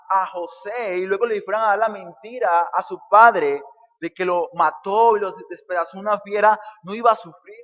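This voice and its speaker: A man's voice: high-pitched, a bit bright, big-room sound, muffled recording. A male pastor preaching a fervent sermon, asking rhetorical questions and calling his listeners brother. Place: church.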